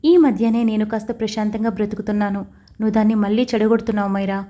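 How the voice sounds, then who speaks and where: A woman's voice: medium pitch, steady tone, quick pace, warm tone, close to an everyday voice. A woman reading the lines of a stern, blunt young husband in an audio story, demanding answers directly.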